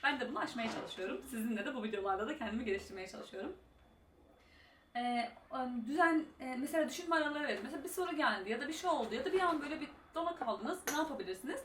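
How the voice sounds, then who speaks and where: A young woman giving casual exam-speaking tips as a tutor, talking fast and chatty with many fillers. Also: high-pitched, expressive, fairly bright tone. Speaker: IELTS tutor and YouTuber. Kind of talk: casual advice vlog. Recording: roomy echo, mic at a distance, faint room noise.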